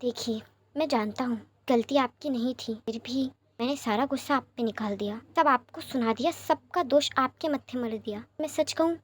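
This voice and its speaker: A woman voicing a gentle, apologetic young man in a fanfiction reading, soft-spoken and pleading. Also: fairly high pitch, moderate pace, close to an everyday voice. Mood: tender.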